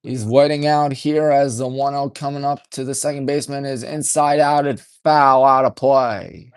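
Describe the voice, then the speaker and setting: A man doing play-by-play radio commentary for a high school baseball game from a press box, folksy and partisan, keeping his voice deliberately restrained. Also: fairly even intonation, smooth, no echo. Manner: folksy, chatty, partisan toward home team; deliberately restrained, hushed delivery.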